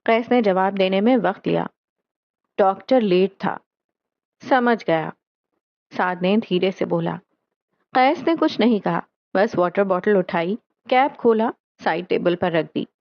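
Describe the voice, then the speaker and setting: Slow, measured woman narrating a novel. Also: medium pitch, creaky, no room sound, lo-fi sound. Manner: slow, measured storytelling with quoted dialogue. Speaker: audiobook narrator.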